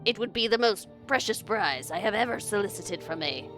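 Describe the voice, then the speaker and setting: A woman voicing a smarmy, courtly male dark elf flatterer from a video game, with florid, ingratiating gallantry. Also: mid-range voice, normal speed, over music, close to an everyday voice. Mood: flattering, wooing. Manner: florid, ingratiating, old-fashioned gallant phrasing. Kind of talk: video game character read aloud.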